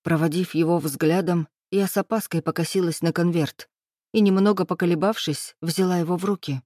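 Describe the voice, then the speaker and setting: A woman narrating a first-person romance audiobook in a steady, even reading voice. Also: fairly low pitch, brisk, no echo, clean studio sound.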